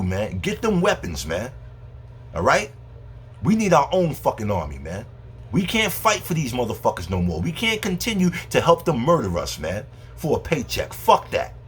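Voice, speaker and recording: A man's voice: on the high side, a little hiss or hum. A man delivering a heated, profane monologue to camera as a video host. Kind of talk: angry ranting monologue.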